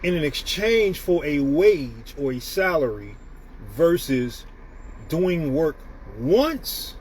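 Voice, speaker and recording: A man's voice: a little high, big pitch swings, takes it slowly, darkish tone, slight background noise. A man in his fifties from the United States, hosting a live stream and giving a preachy motivational talk while greeting viewers by name. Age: 50s.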